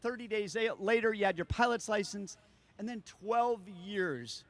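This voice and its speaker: A man's voice: high-pitched, moderate pace. A man hosting a live air show, gushing and enthusiastic as he talks to the crowd and interviews performers.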